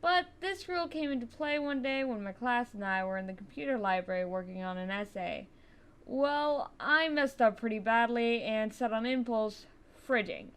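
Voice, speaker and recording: A woman's voice: fairly high pitch, lively intonation, normal speed, fairly bright tone, clean tone. A teenage girl narrating a scripted storytime in a chatty, wry way.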